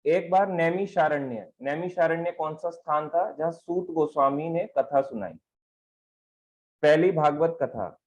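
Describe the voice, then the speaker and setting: A man's voice: fairly high pitch, unhurried, darkish tone, muffled recording, slight background noise. A man giving a devotional talk on scripture, explaining step by step and asking questions that he then answers himself. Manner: explanatory, asks and answers his own questions. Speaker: spiritual teacher. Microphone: mic on a stand.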